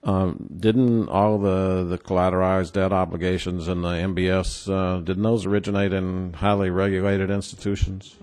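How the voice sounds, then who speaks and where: A man with a low voice and a West Texas twang questions witnesses as a congressman. His delivery is halting and folksy, with plain words and a skeptical edge. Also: flat delivery, a little mellow. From New Mexico or West Texas, United States. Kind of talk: formal but folksy hearing questioning.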